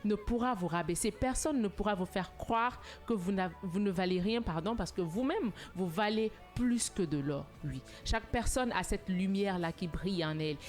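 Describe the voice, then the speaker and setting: A woman co-hosting a studio talk show, speaking in an earnest, motivational way and growing animated when telling anecdotes. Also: mid-range voice. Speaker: TV show co-host.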